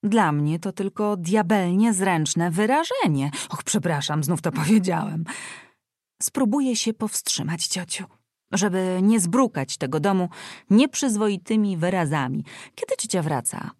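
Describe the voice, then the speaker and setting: A woman doing a wry young gentleman, politely ironic, lowish, dry close sound. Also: animated, unhurried, no echo.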